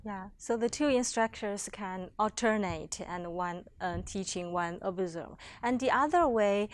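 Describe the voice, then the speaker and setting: A woman's voice: medium pitch, a little slow, slight background noise. A woman whose first language is Chinese explains co-teaching plainly to a workshop audience in a lecture room. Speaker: workshop co-presenter. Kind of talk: conversational teaching talk.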